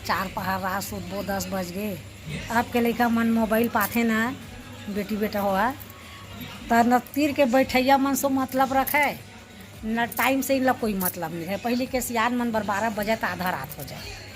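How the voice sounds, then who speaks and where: An elderly woman with a Chhattisgarhi accent rambles through reminiscences like a grandmother at home. She grumbles about how things are done now and repeats herself as she goes. Music plays clearly along with her voice. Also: fairly high pitch, a little slow. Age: older. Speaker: family elder in a home vlog. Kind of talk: rambling reminiscence in casual chat.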